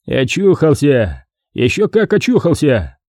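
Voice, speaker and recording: In an audiobook, a man performs a full character voice for a menacing, contemptuous gang boss who talks roughly. The voice is pitched fairly high, above his own, with wildly swooping pitch, a measured pace, and a slightly mellow tone, in a dry, clean studio recording.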